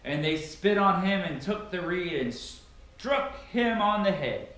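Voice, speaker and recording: A young adult man gives a dramatic, declamatory Bible reading, his voice high, animated, slow and a bit bright. A camera several meters away in a large, sparsely furnished living room captures him, and the room is very echoey.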